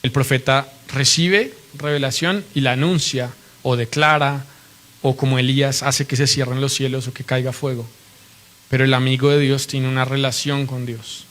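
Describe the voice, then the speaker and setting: A man's voice: medium pitch, fairly even intonation, moderate pace, fairly bright tone. A man preaching a sermon, earnestly and reverently teaching, often asking his listeners questions.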